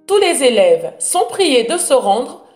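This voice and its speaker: A woman's voice: high voice, very animated, slow pace. A woman making a formal school announcement over an intercom, calling for everyone's attention. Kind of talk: public announcement. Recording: echoey intercom with loud music.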